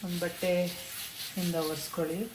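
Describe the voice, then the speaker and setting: Low-voiced Kannada woman teaching in a kitchen. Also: flat delivery, unhurried. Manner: plain, practical, instructive. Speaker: home cook demonstrating. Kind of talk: step-by-step cooking instruction. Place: home kitchen. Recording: echoey kitchen with cooking noise.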